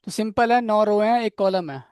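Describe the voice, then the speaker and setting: High-voiced man teaching a coding class. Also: normal speed, darkish tone, clean tone, no room sound. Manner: explains step by step, keeps checking with "theek hai"; quizzes students by name. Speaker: coding instructor. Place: classroom with students present.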